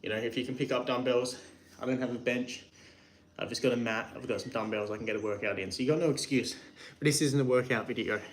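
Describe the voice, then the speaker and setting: A man's voice: mid-range voice, a little hiss or hum. A man in his twenties livestreaming from a hot shed while lifting dumbbells, out of breath and giving a casual motivational pep talk. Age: 20s. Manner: pep-talk delivery, swears casually, pauses to count reps. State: out of breath from working out. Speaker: livestreaming creator.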